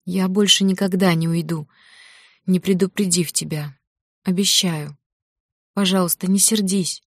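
A woman voicing a weak, remorseful young heroine, a little higher than her narration. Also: steady tone, a little slow, breathy edge, no room sound, clean studio sound.

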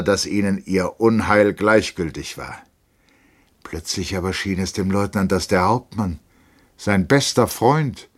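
A man reading a novel aloud for radio in a measured, dramatic way. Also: low voice, breathy edge. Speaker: narrator.

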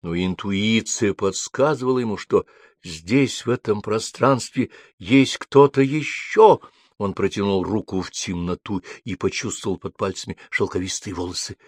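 A man narrating an audiobook in an expressive way. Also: lowish voice, moderate pace, breathy edge, no room sound, clean studio sound. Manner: expressive, varied character voices. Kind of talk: audiobook reading.

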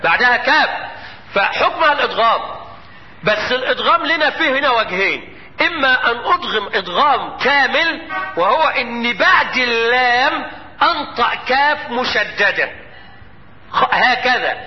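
A high-pitched man with an Egyptian accent teaches Quran recitation, firing quick questions at his students and slowing into melodic chant for each example verse. The recording is dull and lo-fi, with a long echo from a lecture hall. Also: animated.

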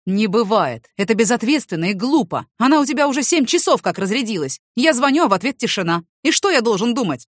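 A woman's voice: fairly high pitch, lively intonation, fast, no echo, studio quality. A woman voicing a blunt, teasing young male boxer who fires off mocking retorts.

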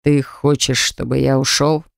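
A woman narrator voicing a remorseful husband who begs his wife to come back, speaking low and hushed in an audiobook. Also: little pitch movement, a little slow, gravelly, clean tone, no room sound, studio quality. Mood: pleading.

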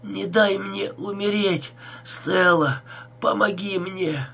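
A man reading an audiobook, voicing a stabbed young man who begs for help in a hoarse, choked voice with slow, gasping words. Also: high voice, fairly even intonation, bright, forceful tone, pitched above the performer's own voice, exaggerated voice. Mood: pleading.

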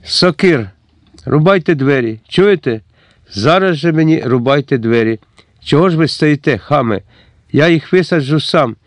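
A man reading aloud voices a furious, arrogant nobleman cavalry officer who shouts threats and commands. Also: fairly high pitch, lively intonation, moderate pace, no echo.

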